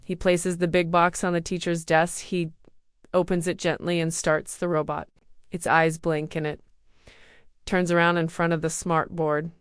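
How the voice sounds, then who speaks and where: A woman reading a storybook aloud for beginner English learners, slow, even and clearly spoken. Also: on the low side, no echo, studio quality. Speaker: storybook narrator.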